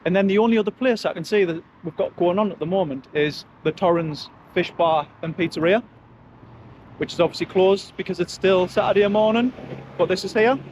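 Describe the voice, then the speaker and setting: Outdoors on residential streets, a man's voice sits high and moves fairly quickly as he gives chatty walking-tour commentary. He's a local-history vlogger with a Sunderland accent who speaks in colloquial dialect, and street and traffic noise can be heard.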